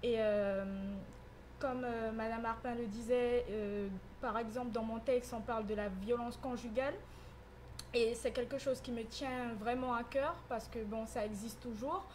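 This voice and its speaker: Earnest young woman student, a little high-pitched, faint hiss behind. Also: fairly even intonation, a little slow, darkish tone. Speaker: university student.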